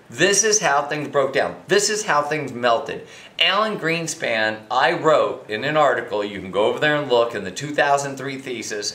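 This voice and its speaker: Drunk american guy ranting and swearing, sharp bright voice, rambles, echoey room. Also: mid-range voice. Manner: emphatic, indignant, heavy swearing. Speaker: financial commentator. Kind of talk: profane off-the-cuff rant to camera. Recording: echoey, roomy sound.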